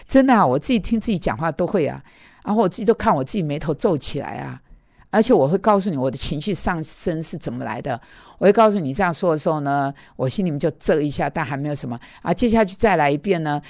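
A man's voice: fairly high pitch, gravelly, darkish tone, no echo, studio quality. A man preaching in an earnest, self-critical way, telling personal stories and talking straight to his listeners.

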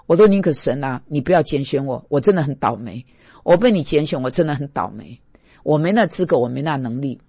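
A man's voice: a little high, lively intonation, brisk, creaky, dark tone, breathy edge, no room sound. A man from Taiwan, a pastor giving an emotional devotional talk, stammering and plaintive.

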